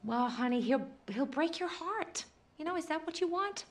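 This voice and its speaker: An actress playing a weary, jealous middle-aged woman who stammers nervously and swings from hushed to agitated. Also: high voice, very animated, moderate pace. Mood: bitter. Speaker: actor in a film scene. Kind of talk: naturalistic film acting.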